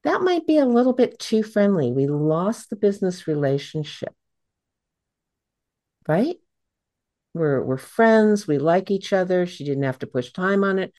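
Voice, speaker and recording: Lively low-voiced woman podcast host. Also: measured pace, long pauses, no room sound, clean studio sound. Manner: animated, acts out quoted voices. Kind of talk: conversational podcast interview.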